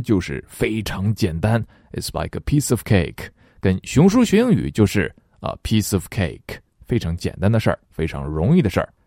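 A man teaching English phrases in a language lesson, reading model sentences slowly and deliberately with quick explanatory asides. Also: low-pitched, warm tone, no room sound, clean studio sound.

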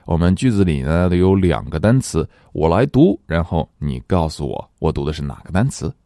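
A man whose first language is Chinese, teaching English pronunciation and reading each word slowly twice for his students to repeat. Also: low-pitched, very animated, dark tone, no echo, clean studio sound. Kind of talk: language lesson, reading words slowly for repetition.

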